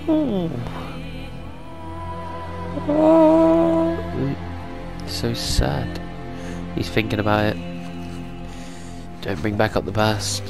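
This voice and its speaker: A man's voice: lowish voice, creaky. A man giving casual, jokey gameplay commentary in short slangy quips, echoing the game's dialogue. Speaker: gamer commentator. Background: video game music and dialogue.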